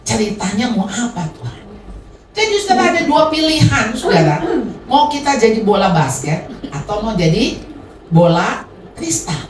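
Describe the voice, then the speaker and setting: Lively woman pastor preaching in an echoey hall. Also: a little high, moderate pace, distant mic, slight background noise. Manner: lively preaching, addressing the congregation directly. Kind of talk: sermon. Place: church hall.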